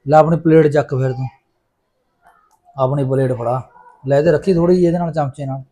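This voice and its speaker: A man's voice: fairly high pitch, fairly even intonation, fairly quick, mellow. A man with a Punjabi accent hosting a casual home food vlog, exclamatory and fond of repeating catchphrases to his viewers. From Punjab, India. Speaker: vlog host.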